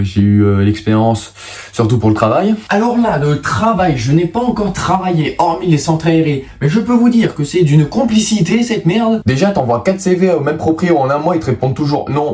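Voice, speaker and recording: A man's voice: medium pitch, darkish tone. Lisping young man from France, echoey room. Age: around 19. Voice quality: lisp on s and z sounds. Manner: joking, self-mocking, slangy. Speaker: video creator. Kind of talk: casual vlog monologue to the viewer. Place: bedroom at home.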